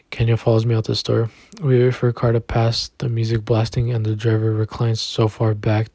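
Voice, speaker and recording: A male audiobook narrator giving an even, understated first-person reading. His pitch stays very flat and his tone is dark and mellow, recorded dry on a close studio mic. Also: no room sound.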